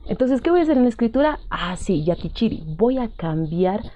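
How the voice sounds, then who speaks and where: A woman's voice: on the high side, big pitch swings, normal speed, mellow, slight background noise. A woman teaching a language class with a Peruvian Spanish accent. She explains patiently, repeats her points and keeps checking in with her students. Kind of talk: explaining a lesson step by step. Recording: dull lo-fi audio.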